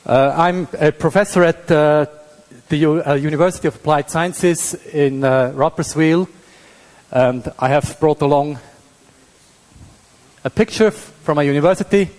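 A man from Switzerland with a Swiss German accent, giving a technical conference lecture as a professor in a halting, hesitant way. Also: a little high, a little mellow. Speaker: university professor, conference speaker. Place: indoor hall at a tech conference. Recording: reverberant lecture hall.

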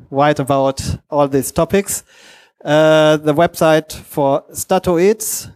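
A man who is not a native English speaker gives a lightning talk presentation in a halting, hesitant way, in short fragments. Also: fairly high pitch, darkish tone. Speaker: conference speaker.

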